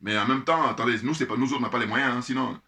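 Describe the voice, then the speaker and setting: A man giving casual spoken political commentary, animated and indignant, with frequent laughs, fillers and restarts. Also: medium pitch, fast talker.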